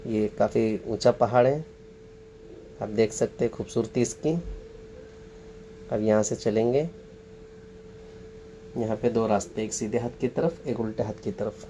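A man's voice: lowish voice, steady tone, mellow. A man giving a casual on-location tour, guiding viewers around a waterfall and pointing things out as he goes. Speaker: travel vlogger. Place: outdoors by a waterfall. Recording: faint noise from rushing water outdoors. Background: rushing water and outdoor ambience.

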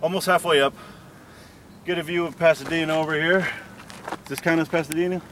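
A young male vlogger talks casually to a handheld camera on an outdoor hiking trail, slightly out of breath and full of self-mocking jokes. His voice is a little high, steady in tone, and brisk. The camera mic picks up clear background noise from outdoors.

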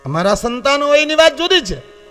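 High-voiced gujarati preacher man in his 50s, saurashtra accent, fired up then hushed, faint music under. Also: very animated, a little fast. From Gujarat, India. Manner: impassioned, swings between loud warnings and low confiding asides. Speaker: Shiva katha preacher. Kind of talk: devotional katha sermon. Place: open-air katha gathering with live accompaniment.

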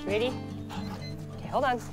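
A woman's voice: on the high side, normal speed. A middle-aged woman who runs an animal rescue shelter, talking in a direct, plain-spoken way with casual fillers, speaking outdoors on a lapel mic for a reality TV show. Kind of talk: reality TV interview and on-location talk. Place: outdoors in open fields and lots. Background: background music.

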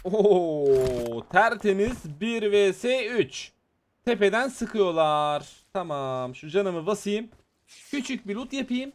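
A man hosting a gaming channel, commentating his own match in an excitable, muttering way that tenses up during fights. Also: high-pitched, takes it slowly. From Turkey. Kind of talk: live gameplay commentary.

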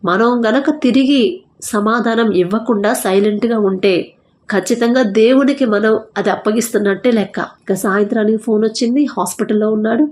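A woman's voice: a little high, normal speed, a little mellow. Earnest woman telling a faith testimony. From India. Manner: retells dialogue in quoted voices, earnest and conversational. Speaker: testimony speaker.

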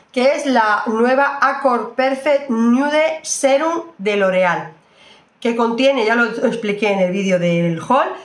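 A woman's voice: a little high, echoey room. A woman doing a casual makeup review, chatty and exclamatory, often repeating her phrases. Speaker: beauty vlogger.

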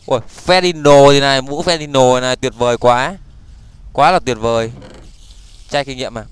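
A young man giving excitable let's-play commentary, with quick stammered repeats and sudden exclamations while he plays. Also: medium pitch, clean tone, no room sound. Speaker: gaming YouTuber.

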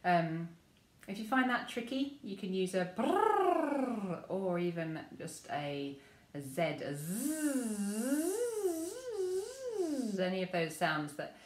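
An English woman leading a memory choir through gentle vocal warm-ups, speaking softly and encouragingly with frequent ums. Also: fairly low pitch, expressive, slow pace, roomy sound. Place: room at home with rain on the window.

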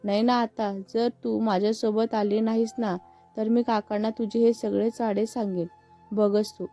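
A woman's voice: fairly high pitch, flat delivery, unhurried, mellow. A woman reading the lines of a young woman who scolds and teases her friend. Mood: scolding. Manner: scolding, teasing. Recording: muffled with faint background music.

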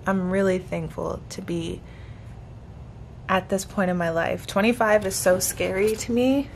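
In a hotel room, a 25-year-old vlogger speaks unhurriedly into a camera held close at arm's length, her mid-range voice fairly even with some vocal fry. She's chatty, grateful and earnest in this reflective talk, with slight hiss or hum.

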